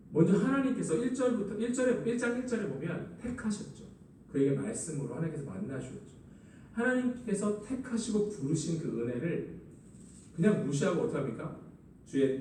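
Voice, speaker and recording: A male pastor preaches with a lively, rising and falling delivery, playing out the quoted words himself. His voice is fairly high for a man but mellow and dark. It booms around a reverberant church hall, picked up from some way off the mic. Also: distant mic, a little hiss or hum. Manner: expressive preaching, acting out quoted lines. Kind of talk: sermon. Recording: echoey hall, voice from afar.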